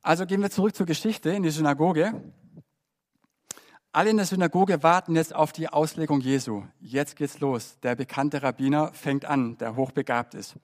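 Lively preaching man. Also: on the high side, normal speed. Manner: lively, swings from loud emphasis to soft quiet appeals. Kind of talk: sermon. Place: church service.

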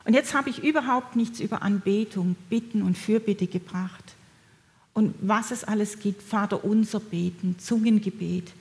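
Middle-aged woman giving a sermon, warm-hearted direct address, average pitch. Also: normal speed. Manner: gentle, encouraging, speaks directly to listeners. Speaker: preacher.

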